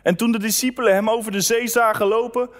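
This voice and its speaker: A man delivers a sermon in an easy, conversational way, sharing personal stories and reading scripture aloud. His voice sits fairly high. The sound carries a long reverb, as in a large hall. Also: steady tone, fast. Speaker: pastor.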